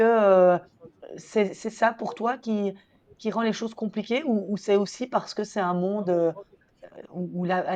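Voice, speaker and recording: A woman hosting a conversational podcast interview, phrasing her questions hesitantly with frequent pauses. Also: mid-range voice, darkish tone. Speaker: podcast host.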